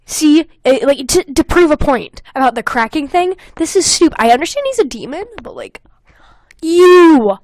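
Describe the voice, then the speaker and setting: Reading aloud and reacting with lively, profanity-laced exasperation, a young woman hosts a casual, comedic podcast chat. Her voice is high and her pace moderate, captured in a dry recording.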